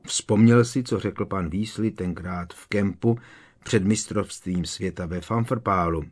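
A man narrating a storybook audiobook in a measured, expressive storytelling manner. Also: low voice. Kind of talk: scripted narration.

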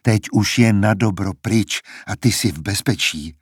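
Determined young guy in an audiobook, low husky voice, clipped and tense, read by a man. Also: no room sound, studio quality. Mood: subdued.

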